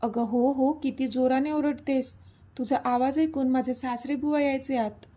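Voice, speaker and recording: A woman's voice: sits high, fairly even intonation, unhurried, dark tone. A woman voicing a playful, affectionate young man in a read-aloud story. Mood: teasing. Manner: teasing, easygoing. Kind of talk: storybook reading.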